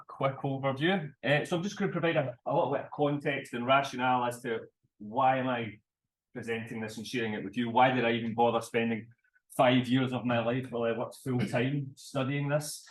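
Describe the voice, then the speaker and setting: A man presenting his research at a conference, deliberate and self-correcting as he speaks. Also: mid-range voice, fairly even intonation, low-quality recording. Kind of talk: academic conference talk. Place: conference room.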